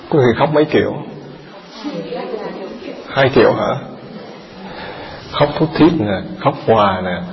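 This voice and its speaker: Gravelly monk preaching. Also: male voice, mid-range voice. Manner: chatty, quizzes the audience. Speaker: Buddhist monk teacher. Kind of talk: dharma talk to a live audience. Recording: echoey hall, dull lo-fi sound.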